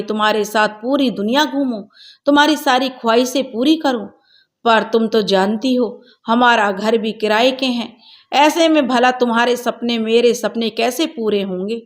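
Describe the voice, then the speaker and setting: A woman voicing an earnest young man who speaks softly and pleadingly to the girl he loves, in a storybook reading. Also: very high voice. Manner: soft, pleading and affectionate.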